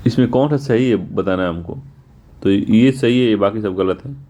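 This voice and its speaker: Man teaching slowly, dark voice. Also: on the low side. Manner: spells words slowly and repeats them; informal, repeats "theek hai" often. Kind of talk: exam-prep lesson, going through test answers.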